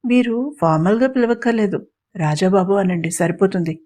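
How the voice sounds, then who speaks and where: A cocky young prince who teases and mocks his elders with cool confidence, as a woman narrator puts him on. His voice is mellow and warm, only slightly raised from the narrator's own. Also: mid-range voice, moderate pace, close to an everyday voice. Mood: teasing. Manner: teasing and sarcastic.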